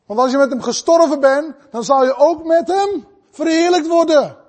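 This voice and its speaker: A man preaching a fervent sermon, swinging between loud, urgent passages and soft, pleading ones. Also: extremely high pitch, moderate pace.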